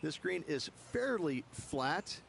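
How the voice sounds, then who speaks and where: A man's voice: fairly high pitch, sing-song, slow, vocal fry, fairly bright tone, heavily acted. A man playing a golf commentator, giving conversational expert analysis in a video game broadcast. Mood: assured. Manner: conversational, explanatory. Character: knowledgeable male golf booth analyst. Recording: faint background noise.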